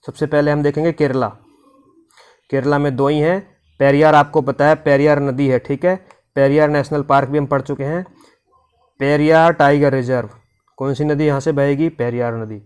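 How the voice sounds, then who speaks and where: A man's voice: on the high side, fairly even intonation, moderate pace, darkish tone, clear, resonant tone. A male teacher with a sore throat, drilling names off a map and repeating them with memory tricks. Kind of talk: exam-prep lesson over a map.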